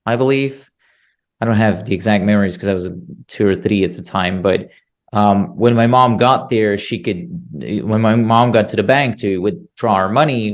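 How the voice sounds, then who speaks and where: A young man from Bulgaria hosting an interview, telling a story in an animated way on a podcast mic. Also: fairly low pitch. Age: young adult. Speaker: podcast host. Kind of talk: interview conversation. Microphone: podcast mic on boom arm.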